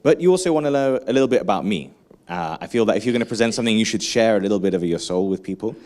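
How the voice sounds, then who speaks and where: A man delivers an energetic keynote in a fairly low voice. He keeps the audience involved, tossing them questions and quick asides as he goes. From England. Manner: lively, engaging, asks the audience questions, frequent "right?". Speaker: keynote speaker.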